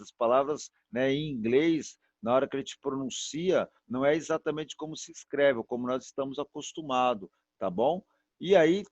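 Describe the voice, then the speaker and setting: A man from Brazil teaching a class over a video call, patient and repetitive, stretching words out slowly to demonstrate them. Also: medium pitch, dry recording. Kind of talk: online class pronunciation lesson. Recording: dull, muffled sound, dry.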